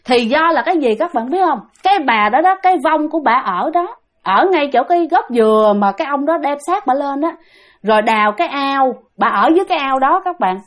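Woman host, Southern Vietnamese accent, high voice; chatty ghost-story teller who talks straight to her listeners. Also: expressive, fairly quick. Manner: chatty, keeps addressing listeners directly. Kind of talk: casual ghost-story telling.

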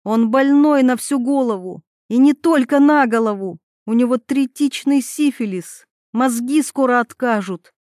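A woman's voice: sits high, measured pace, few pauses, darkish tone, no room sound, clean studio sound, pitched above the performer's own voice. A woman voicing a hysterical, jealous young woman who screams insults in a storybook reading. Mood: shrieking furious.

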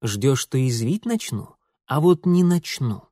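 A man's voice: mid-range voice, lively intonation, measured pace, dark tone, no room sound, clean studio sound. A man voicing a cool, guarded young hero who speaks with control.

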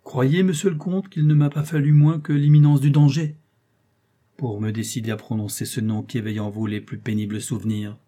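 A man reading an audiobook, voicing a scheming employment agent who speaks with outward deference but steady, veiled menace. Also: medium pitch, a little fast, close to an everyday voice. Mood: smooth. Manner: deferential on the surface, insistent and threatening. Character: sly, scheming man, a domestic-staff placement agent.

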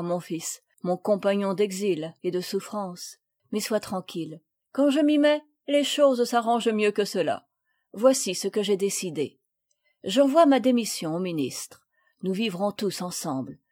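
A woman reading the part of a gentle older father, speaking calmly and kindly. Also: medium pitch, natural voice. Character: gentle older male father, naval officer.

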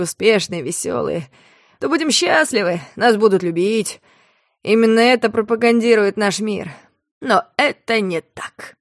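A woman voicing a desperate, drunk young man who makes a hushed, broken confession in an audiobook story. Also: mid-range voice, gravelly, no echo, clean studio sound.

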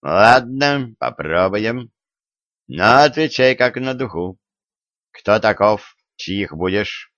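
A man voicing a stern, mocking old Russian tsar in an audiobook, talking in a gruff, dismissive way. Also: on the low side, animated, slow pace, fairly bright tone, dry recording. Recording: dull, dry lo-fi recording.

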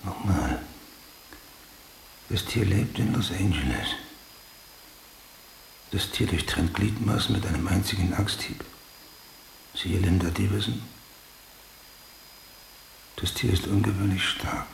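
In a German radio drama, an actor voices an obsessive, brooding police detective hunting a serial killer, delivering an interior monologue in a clipped mutter that drifts toward a whisper. His low-pitched male voice is slow with vocal fry, long pauses and heavily acted, sounding obsessive and analytical. The recording is roomy with faint hiss.

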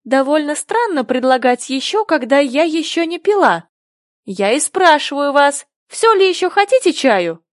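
A woman's voice: high voice, big pitch swings, moderate pace, dry recording, clean studio sound. A woman reading the part of a polite, earnest young girl in a storybook who takes offense easily. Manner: prim, earnest.

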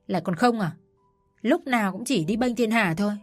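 A woman voicing a furious old mother-in-law who shouts coarse insults, with soft music behind. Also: mid-range voice, brisk, close to an everyday voice. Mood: furious scolding.

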